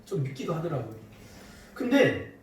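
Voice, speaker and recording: A middle-aged man preaches a sermon and teases his congregation with playful asides. His voice sits high and swings widely in pitch. It is picked up from a distance in a very echoey church hall, with faint noise behind. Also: very animated, normal speed. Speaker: pastor. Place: church sanctuary.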